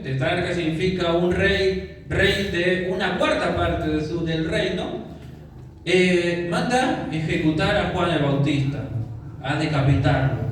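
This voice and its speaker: A man's voice: high voice, a little hiss or hum. A man preaching in church, reading scripture aloud and repeating passages and directions for the congregation. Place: church hall. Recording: echoey church hall, mic far off.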